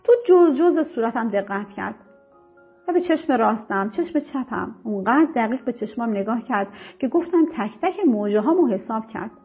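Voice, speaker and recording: A woman narrating a dramatic first-person story in an emotive, expressive way. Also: a little high, breathy edge. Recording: slightly muffled with soft music.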